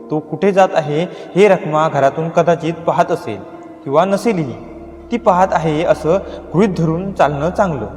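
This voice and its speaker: Measured male horror storyteller, echoey. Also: fairly high pitch, darkish tone. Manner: measured, descriptive reading. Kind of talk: scripted horror story narration. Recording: echoey reverberant room, faint music.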